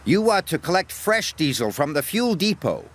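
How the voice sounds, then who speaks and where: A man voicing an excitable, flustered male quarry manager who cries out his lines. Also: a little high, moderate pace, pitched above the performer's own voice. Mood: alarmed. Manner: excitable, crying out. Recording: music playing behind.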